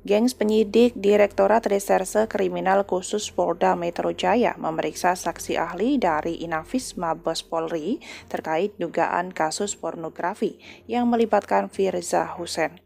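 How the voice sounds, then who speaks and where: A woman with a low, strongly gravelly, creaky voice reading news stories in a casual, chatty way for her online channel. Faint music plays under her. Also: unhurried, darkish tone. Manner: chatty reading, addresses listeners as "gengs".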